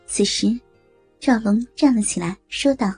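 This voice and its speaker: A woman narrating a story in a steady way. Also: fairly high pitch, measured pace, breathy edge, dry recording. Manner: steady narration, voicing characters. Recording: dry close voice with faint music.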